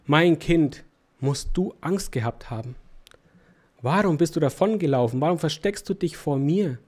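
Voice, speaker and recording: A man reading aloud as a gentle, loving king from a children's storybook, speaking calmly and reassuringly. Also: fairly high pitch, normal speed. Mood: tender. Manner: calm, tender, reassuring.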